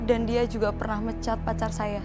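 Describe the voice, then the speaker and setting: A woman's voice: a little high, level tone, moderate pace. A woman giving confessional answers as an aggrieved employee, speaking in a blunt, accusing way. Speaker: employee airing a grievance. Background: loud music.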